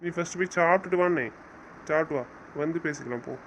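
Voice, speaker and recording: A man's voice: on the high side, fast, a bit bright, a little hiss or hum, low-quality recording. A man playing a stern husband in an audio drama, scolding and giving orders. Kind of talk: casual audio drama acting.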